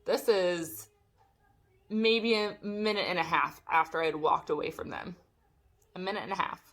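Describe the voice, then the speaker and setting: A young woman vlogger telling a storytime, animated and swearing as she acts out what people said. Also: fairly low pitch, normal speed. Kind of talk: storytime vlog.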